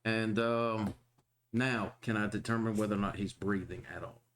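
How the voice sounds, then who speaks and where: A man with a low voice plays a tabletop role-playing game. He talks in a halting way, restarting often and filling gaps with "you know". He laughs easily between his moves. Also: steady tone, fairly bright tone, a little hiss or hum. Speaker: player.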